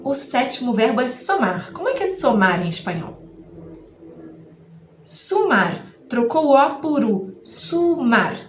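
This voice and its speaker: A woman teaching a language lesson, asking the viewer questions and then repeating each word slowly and clearly. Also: fairly high pitch, sing-song, echoey room, a little hiss or hum. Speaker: Spanish teacher.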